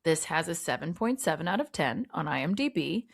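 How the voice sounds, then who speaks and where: A woman's voice: low voice, very animated, fairly quick, gravelly. A woman co-hosting a film podcast, chatting casually, swearing freely and joking at her own expense. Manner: profane, self-deprecating, chatty. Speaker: podcast co-host.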